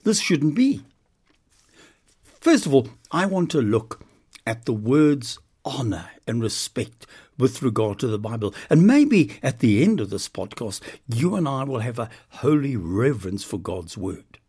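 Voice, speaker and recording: Older man preaching slowly, husky voice. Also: mid-range voice, big pitch swings, a little mellow. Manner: earnest, emphatic, lingers on key words. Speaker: podcast preacher. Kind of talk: devotional podcast sermon.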